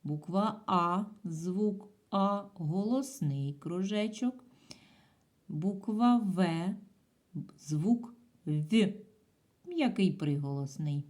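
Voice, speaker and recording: A woman gives a video lesson to young schoolchildren, patient and clear. Her voice is mellow and slightly low. Her pitch swings widely in a sing-song teaching manner. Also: animated, slow pace. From Ukraine.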